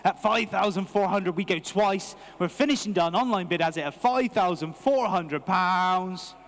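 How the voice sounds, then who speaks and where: High-pitched British male auctioneer, booming hall. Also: moderate pace, fairly bright tone. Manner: repetitive rhythmic chanting of figures. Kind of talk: live auction bid calling.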